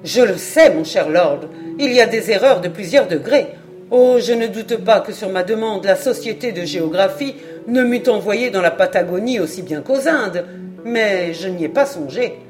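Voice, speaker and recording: A woman voicing an eager, absent-minded male French geographer who talks in lively, emphatic exclamations in an audiobook. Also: mid-range voice, moderate pace, faint music behind, lightly acted. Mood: excited.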